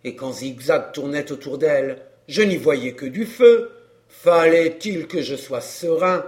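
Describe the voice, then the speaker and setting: A man's voice: on the high side, a little slow, a little mellow, natural voice. A man voicing a down-and-out middle-aged fairground clown in an audiobook, talking in coarse, grumbling slang. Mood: lamenting. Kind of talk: audiobook character reading.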